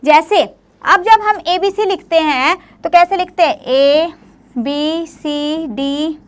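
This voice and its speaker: A woman's voice: high-pitched, slow. A woman teacher giving a classroom lecture, often coaxing her students with questions as she goes. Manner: coaxing, often asks "clear, beta?".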